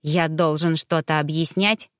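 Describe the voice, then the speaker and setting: A woman's voice: fairly even intonation, dry recording, clean studio sound. Woman doing a cold, curt noble boy. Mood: curt dismissive. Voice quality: high boyish voice. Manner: curt, slow, commanding. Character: cold haughty noble boy, a young fiancé.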